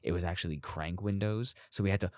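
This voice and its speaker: A man with a very low voice tells personal stories in a loose, rambling way, swearing freely and chuckling along. The sound is dry and close, with no room around it. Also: fast talker, no echo. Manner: rambling, profane, chuckles often. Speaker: storyteller. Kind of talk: casual personal storytelling.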